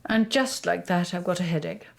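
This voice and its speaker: A woman's voice: on the low side, normal speed, vocal fry. An actress playing a weary, disdainful older woman relative who speaks dryly.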